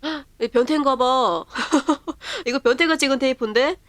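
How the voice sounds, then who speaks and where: A woman's voice: sits high, fairly bright tone, dry recording. Woman streamer, slightly raised voice, chatty horror playthrough commentary, reads game text aloud, bursts of repeated yelps. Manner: bursts of rapid repeated exclamations. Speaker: live streamer.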